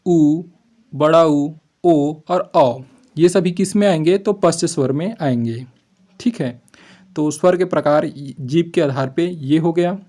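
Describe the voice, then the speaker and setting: A man teaching an exam-prep lesson, explaining step by step, asking rhetorical questions and answering them himself, often checking in with his class and slowly drawing out vowel sounds as examples. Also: fairly high pitch, a little mellow.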